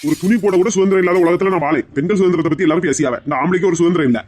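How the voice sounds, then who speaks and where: A woman's voice: on the low side, darkish tone, slight background noise, lightly acted. Woman playing a stubborn defensive father. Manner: defensive, quick retorts. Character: stubborn middle-aged father caught out. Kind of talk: comedy skit acting.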